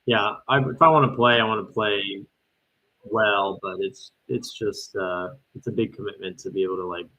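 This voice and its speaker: A man, casually reacting live to a game and chatting with viewers, bursting into loud exclamations. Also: fairly low pitch, moderate pace. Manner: excitable, exclaims loudly at plays then chats calmly with viewers. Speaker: livestream host reacting to an ultimate frisbee game. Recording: dull lo-fi stream audio.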